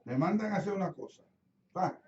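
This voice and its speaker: A middle-aged pastor from Puerto Rico, with a Puerto Rican Spanish accent, preaches a sermon to his congregation in the sanctuary, telling stories in a lively way, acting out his own prayers, and asking the congregation questions. His dark, mellow voice sits somewhat high and moves fairly quickly. Caught by a distant mic, it rings through the roomy church with a slightly dull sound.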